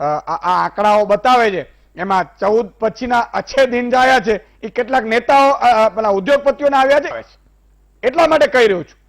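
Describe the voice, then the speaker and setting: Male TV debate anchor, Gujarati accent, high voice, fiery and rhetorical, drops to a hush when telling a story. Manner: impassioned, rhetorical, shifts from loud to hushed storytelling. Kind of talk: animated TV debate hosting with a folk story.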